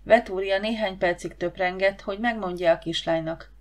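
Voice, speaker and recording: A woman reading an audiobook in calm, even storytelling narration. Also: mid-range voice. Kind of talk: scripted narration.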